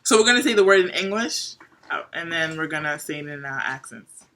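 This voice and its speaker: Bright-voiced young Nigerian woman, chatty. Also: low-pitched, expressive, brisk. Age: young adult. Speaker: channel host. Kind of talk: casual chat.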